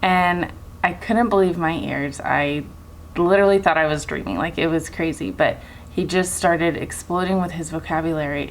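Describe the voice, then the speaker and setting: A woman's voice: low-pitched, slight background noise, poor audio. A woman talking casually and earnestly as a parent vlogger, telling a personal story with emphatic repetition.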